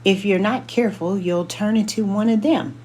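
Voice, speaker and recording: A woman's voice: mid-range voice, moderate pace, dark tone, voice pushed up, lightly acted. A woman voicing a proud, stern elderly grandmother scolding her grandson in a storybook read-aloud.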